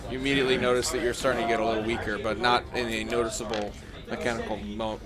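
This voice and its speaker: A man's voice: medium pitch, little pitch movement, fast. A man narrating a tabletop game as game master, in a hesitant, self-correcting way.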